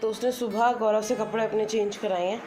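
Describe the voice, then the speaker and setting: A woman's voice: medium pitch, fairly even intonation, a little fast. A woman in her thirties, a homemaker, chatting casually through her day at home, thinking aloud and mixing in English words. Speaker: homemaker vlogger. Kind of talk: casual daily vlog narration. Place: home kitchen. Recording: echoey room with background music.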